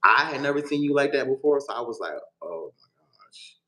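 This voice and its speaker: A man hosting a casual chat, talking in an expressive, slangy way. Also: mid-range voice, fast talker. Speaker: host.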